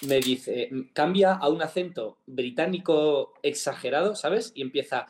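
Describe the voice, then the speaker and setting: A man's voice: on the high side, a little slow, slight background noise. A man chatting casually as a podcast co-host, retelling a story with jokes. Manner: storytelling, jokey, animated retelling of a phone call. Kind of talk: casual chat.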